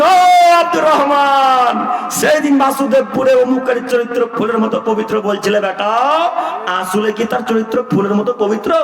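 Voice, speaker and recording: A male preacher, delivering a sermon full of scolding rhetorical questions to his listeners. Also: extremely high pitch. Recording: echoey hall recorded from far off.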